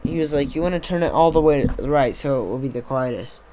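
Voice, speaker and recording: A young man with a slightly hoarse voice chats casually on a livestream, talking fast into a desktop USB mic on a boom arm. He rambles with plenty of fillers, and the background is noisy.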